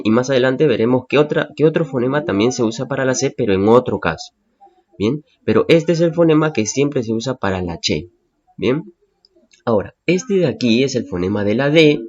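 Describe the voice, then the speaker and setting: A man's voice: medium pitch, darkish tone, lo-fi sound. A male teacher patiently explaining phonetic symbols to students, repeating key points and checking understanding.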